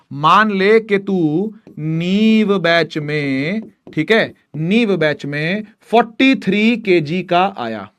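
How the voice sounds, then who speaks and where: Male tutor, high voice, dry close sound, playful and teasing classroom delivery, physics lesson. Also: a bit bright, no room sound. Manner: playful, teasing, jokes with students; calls students "beta" affectionately. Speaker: physics teacher. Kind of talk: lively classroom lecture.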